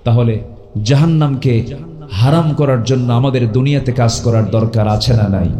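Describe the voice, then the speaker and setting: A man with a Bangladeshi Bengali accent preaching a waz sermon. He calls on the crowd to answer loudly, rises to sudden high shouted climaxes and chants Quran verses in a sung style. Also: normal speed, reverberant.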